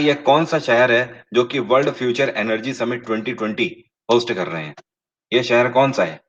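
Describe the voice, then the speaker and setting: In slightly dull, lo-fi audio, a male teacher conducts a live online exam-prep quiz with a mid-range, fairly bright voice. Questions come slowly in English, followed by Hindi explanations that rise in emphasis. He engages viewers head-on, posing questions and confirming their answers.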